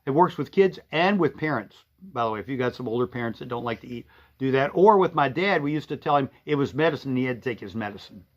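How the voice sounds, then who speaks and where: A man's voice: medium pitch, lively intonation, fast talker. A middle-aged man who runs a shop, chatting casually and folksily on a live stream, with lots of fillers and restarts. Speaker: sewing and vacuum shop owner. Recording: dull lo-fi stream audio.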